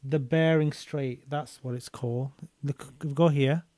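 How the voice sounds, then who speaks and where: A man casually reading a book aloud and commenting on it, thinking out loud as he looks things up. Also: mid-range voice, steady tone, slow, no room sound. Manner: thinking aloud while searching maps and videos, loose and chatty.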